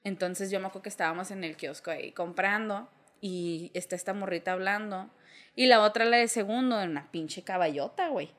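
A woman's voice: medium pitch, fairly quick. A young woman with a Mexican accent telling a story in casual chat, blunt and full of slang, acting out the people she quotes.

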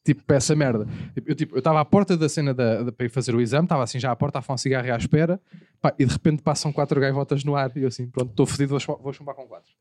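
Fast-talking Portuguese man telling stories. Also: medium pitch, dry recording, clean studio sound. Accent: European Portuguese. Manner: rambling storyteller, quick and animated. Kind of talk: casual chat among friends.

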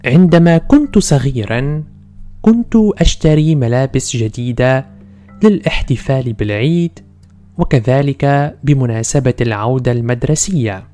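A man's voice: mid-range voice, lively intonation, moderate pace, warm tone, faint music behind. A man speaking careful, formal Standard Arabic, narrating a scripted language-lesson podcast as host and teacher.

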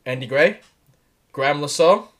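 A man's voice: fairly high pitch, measured pace. A young man co-hosting a podcast, ranting in casual chat with heavy swearing and strong opinions. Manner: animated, profane, opinionated ranting. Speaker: podcast co-host.

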